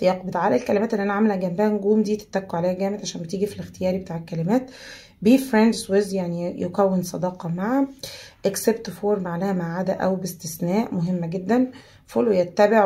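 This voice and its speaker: Egyptian teacher, young woman, warm low tone, steady word-by-word explanations for students. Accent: Egyptian Arabic. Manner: explains word by word, mixing English terms into Arabic. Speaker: English teacher. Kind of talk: vocabulary lesson.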